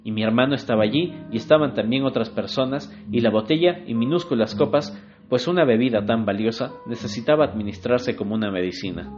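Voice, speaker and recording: A man reads a literary short story aloud, measured and expressive. A faint plucked guitar plays beneath him. The recording is dull and lo-fi. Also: mid-range voice. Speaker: narrator. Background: faint guitar music.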